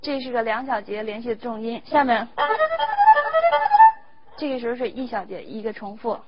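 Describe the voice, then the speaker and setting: A woman music teacher giving a measured, explanatory instrumental lesson. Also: fairly high pitch. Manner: measured, explanatory, demonstrates between phrases. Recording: dull lo-fi recording with faint instrument music.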